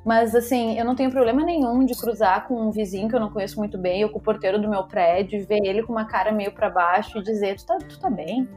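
A woman's voice: medium pitch, steady tone, quick pace, hardly any pauses, a little mellow, soft background music. A middle-aged woman, a psychologist talking on a podcast in an emphatic way that repeats rhetorical questions. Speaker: psychologist guest. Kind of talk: podcast conversation.

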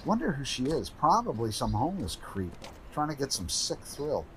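An actor playing a blunt, suspicious widower in middle age. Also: male voice, mid-range voice, wildly swooping pitch, normal speed, a little hiss or hum, poor audio. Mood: grumbling. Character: widowed man, gruff and suspicious.

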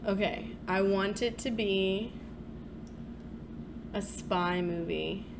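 A woman co-hosting a podcast in casual, comedic chat, chatty and quick to laugh. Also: mid-range voice, creaky, background noise. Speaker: podcast co-host.

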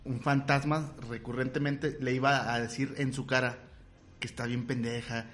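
A young adult man with a Mexican accent, telling stories in relaxed, slangy casual chat as a podcast co-host. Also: mid-range voice, normal speed. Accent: Mexican Spanish.

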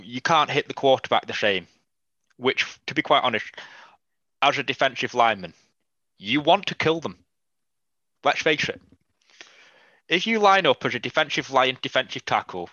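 A man talking football in a casual podcast chat, blunt and animated, swearing freely. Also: medium pitch, no echo. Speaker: podcast guest. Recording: slightly dull, lo-fi mic.

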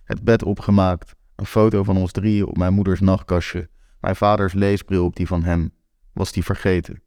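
Low-voiced young man telling his story. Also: flat delivery, moderate pace, darkish tone, dry recording, clean studio sound. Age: 20s. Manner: candid, wry storytelling. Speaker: narrator. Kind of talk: first-person story reading.

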